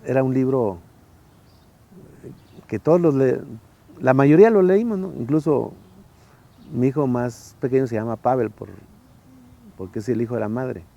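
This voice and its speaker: Gravelly Mexican man in his sixties. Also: medium pitch, normal speed, long pauses, warm tone, muffled recording. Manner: colloquial, anecdotal, frequent fillers and tag questions. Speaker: interviewee, architect and former faculty director. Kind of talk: casual interview storytelling.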